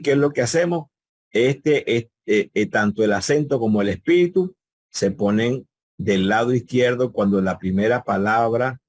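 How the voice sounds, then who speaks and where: Man, Greek teacher, low husky voice, dry close sound, patient and repetitive, quizzes the class, video call. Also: dry recording. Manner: patient, repeats key words, asks the class questions. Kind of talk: live online class.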